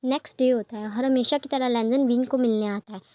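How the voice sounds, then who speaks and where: A woman's voice: a little high, steady tone, brisk, warm tone, dry recording. A woman narrating a romance fan story in a plain, casual storytelling manner. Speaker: fanfiction narrator.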